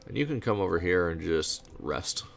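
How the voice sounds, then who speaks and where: A low, gravelly-voiced man talks his way through a strategy game, rambling and thinking aloud with the odd sarcastic aside. He is on a home desk mic without a pop filter, and soft game music plays faintly behind him. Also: animated, normal speed. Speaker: gameplay commentator. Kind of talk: casual let's-play commentary.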